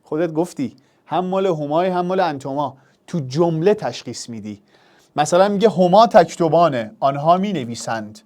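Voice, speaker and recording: Animated male teacher, fairly high voice. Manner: animated, addresses student directly with rhetorical questions. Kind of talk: exam review lesson.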